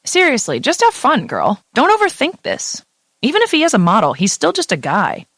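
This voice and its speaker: A woman's voice: high-pitched, huge pitch swings, moderate pace, fairly bright tone, husky, dry recording, studio quality, voice pushed up, heavily acted. A woman reading an audiobook, voicing a blunt, foul-mouthed young woman who is the heroine's best friend. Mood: encouraging. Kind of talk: audiobook character voice.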